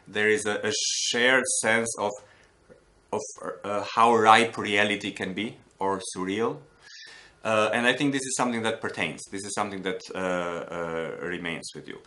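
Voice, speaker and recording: A man in his forties from Albania, a native Albanian speaker, reflecting as an artist in an interview. He speaks thoughtfully with many pauses, fillers and restarts. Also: fairly low pitch, steady tone, sharp tone. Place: home studio with bookshelves, indoors.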